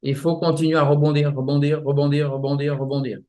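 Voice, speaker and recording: A man's voice: fairly high pitch, flat delivery, a little mellow. Casual french guy explaining, lots of restarts. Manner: halting, many restarts, explains with images. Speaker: martial arts teacher, guest.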